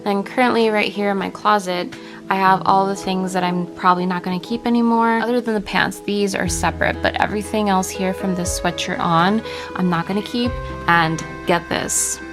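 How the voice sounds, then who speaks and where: A woman in her twenties, originally from Colombia, chats candidly to her camera at home in a casual vlog. Her voice sits in a middle pitch range, and she talks freely with plenty of fillers. Music plays clearly underneath her voice. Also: fairly even intonation, normal speed. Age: 20s. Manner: chatty and candid, with frequent fillers. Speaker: vlogger. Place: home while packing to move.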